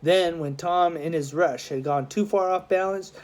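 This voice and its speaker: A schoolmaster working as an audiobook narrator reads a children's adventure novel aloud from a script. His voice is a little high and his speed normal, and he tells the story in a dramatic, expressive manner.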